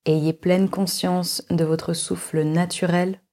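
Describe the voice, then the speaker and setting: With a fairly low-pitched voice, a woman leads a guided yoga nidra relaxation, offering calm, measured directions separated by long pauses.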